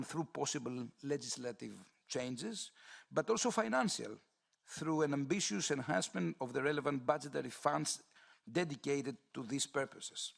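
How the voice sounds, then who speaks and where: A man from Greece, giving a formal, measured statement to a committee. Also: a little high, creaky. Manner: formal, measured, read-out delivery. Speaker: committee member.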